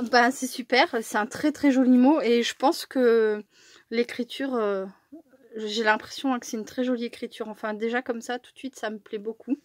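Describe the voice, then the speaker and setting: Brief: woman vlogger, chatty crafting unboxing, fairly high voice, dry close sound. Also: no echo. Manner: chatty, many fillers, frequent small laughs. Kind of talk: casual unboxing and crafting chat.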